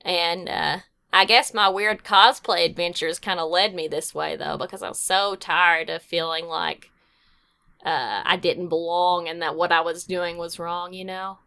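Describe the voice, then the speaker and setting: Bright-voiced young woman rambling casually. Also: on the low side, steady tone, unhurried, creaky. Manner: rambling, frequent fillers. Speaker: podcast guest. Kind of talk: casual chat.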